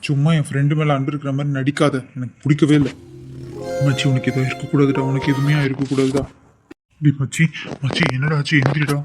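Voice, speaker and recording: A man's voice: mid-range voice, level tone, fast, close to an everyday voice. A man voicing an angry, loyal young friend in a cartoon drama, scolding bluntly and grieving for an injured pal.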